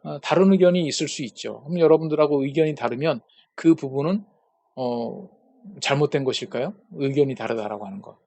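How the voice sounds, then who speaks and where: A man's voice: on the high side, brisk, darkish tone, dry recording. Man lecturing with rhetorical questions. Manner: poses rhetorical questions to the audience; retells conversations as acted dialogue. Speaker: peacemaking school lecturer. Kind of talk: church-based lecture on conflict.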